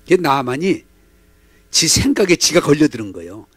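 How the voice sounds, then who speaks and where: A male pastor preaches dramatically and with animation in a church, leading call-and-response as the congregation repeats his lines. His husky voice is on the high side, he speaks at normal speed, and there's no echo.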